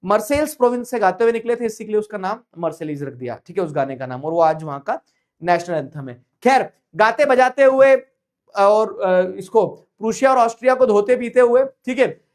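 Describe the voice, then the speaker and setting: A man's voice: high voice, expressive, darkish tone. Playful teacher man explaining history. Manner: playful, mixes Hindi with English terms; repeats key phrases slowly for dictation. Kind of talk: online class lecture.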